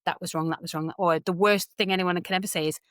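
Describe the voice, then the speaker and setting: Speaking fast in a fairly low voice, this British woman in her forties appears as a guest entertainer and talent mentor, talking candidly in an interview. She's animated and acts out the people she quotes in lively voices, and the clean studio recording has no echo.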